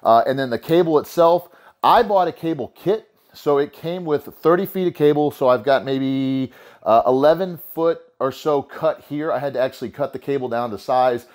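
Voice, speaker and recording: A man's voice: fairly high pitch, normal speed, a little mellow. Rambling man explaining his garage gym. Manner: loose, rambling, full of "uh" and restarts. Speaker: home gym lifter explaining a DIY build. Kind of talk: casual how-to explanation. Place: home garage gym, indoors. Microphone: camera a few steps away.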